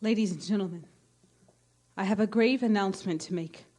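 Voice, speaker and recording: An actress playing a grave, formal news announcer in a radio drama, reading bulletins in a measured way. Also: female voice, medium pitch, mellow, lightly acted. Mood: grave, solemn. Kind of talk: stage radio drama acting as newscaster.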